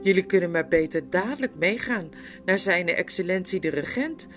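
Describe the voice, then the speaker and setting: A woman's voice: lowish voice, animated, normal speed, soft background music, close to an everyday voice. A woman voicing a sleepy, flustered old male owl who hoots and mutters to himself. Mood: fussy.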